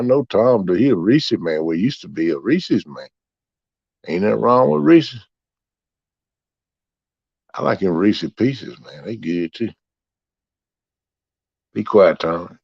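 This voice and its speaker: A man's voice: sits low, vocal fry, darkish tone, dry recording. A middle-aged man, casually chatting with his livestream viewers in a rambling, folksy way. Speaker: livestream host. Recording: muffled, dry.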